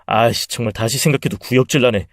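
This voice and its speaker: A man's voice: mid-range voice, fast talker, no room sound, studio quality, close to an everyday voice. A man voicing a spiteful, scheming middle-aged son-in-law who mocks his sick mother-in-law. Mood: sneering. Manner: contemptuous, then flustered and pleading.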